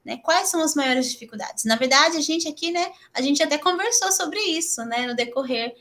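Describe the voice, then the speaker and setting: Brazilian woman teacher, middle-aged, fairly high voice, chatty and animated, leans on "né" between phrases. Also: moderate pace. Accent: Brazilian Portuguese. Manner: chatty, fills with frequent "né"; animated, laughs and jumps up in pitch. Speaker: English teacher presenting to fellow teachers. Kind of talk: teacher training talk.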